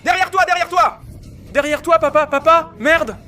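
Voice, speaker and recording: A man shrieking in a high voice as a panicked little girl, yelling frantic warnings. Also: normal speed, soft background music.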